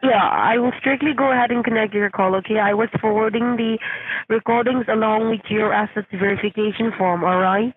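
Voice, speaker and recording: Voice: mid-range voice, steady tone, brisk, breathy edge. A person with a formal, repetitive, insistent call-center delivery, speaking as if from a script over the phone. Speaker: phone scammer posing as junior investigator. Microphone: telephone call. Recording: narrow, lo-fi phone line.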